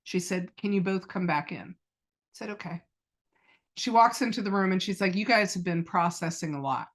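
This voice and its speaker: A woman's voice: on the low side, normal speed. A middle-aged woman, a podcast guest, earnestly telling a personal story and retelling past conversations as quoted dialogue.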